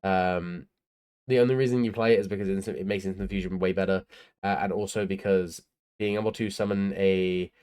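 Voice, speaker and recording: A man's voice: low voice, steady tone, brisk, a little mellow, clean tone. A tired young man casually talking through his tournament card deck in a laid-back, rambling way, with lots of ums and uhs. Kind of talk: casual deck profile talk.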